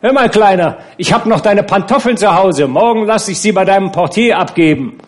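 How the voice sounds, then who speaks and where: A haughty young actress who talks down with a commanding, mocking edge, as a man reading the book puts her on. Her voice sits high and carries loudly. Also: lively intonation, a little fast. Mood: imperious.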